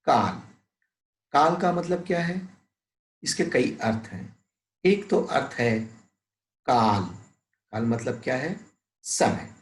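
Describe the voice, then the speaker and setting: A man teaching a Hindi lesson to schoolchildren, drawing out each word slowly and drilling word pairs. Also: mid-range voice, echoey room, low-quality recording. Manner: very slow, drawn-out and deliberate, drilling word pairs; addresses pupils as "beta".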